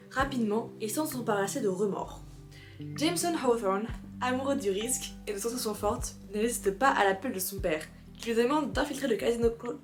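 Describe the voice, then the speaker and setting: A woman presenting books in a casual vlog, chatty and excitable, laughing often and reading back-cover blurbs aloud. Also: a little high. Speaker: booktuber. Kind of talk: casual book haul chat.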